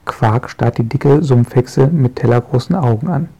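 Gravelly male storybook narrator. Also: mid-range voice, moderate pace, poor audio. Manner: gentle, lively storytelling. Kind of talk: children's audiobook narration.

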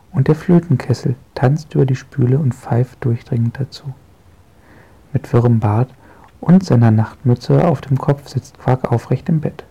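A man narrating a children's audiobook in a gentle, lively storytelling manner, with a gravelly, husky voice. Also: medium pitch, poor audio.

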